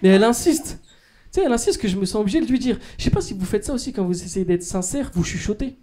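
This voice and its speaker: A man's voice: high-pitched, animated, fast talker, mellow. A man performing a cheeky stand-up routine on a comedy club stage, teasing the audience. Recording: noisy club recording.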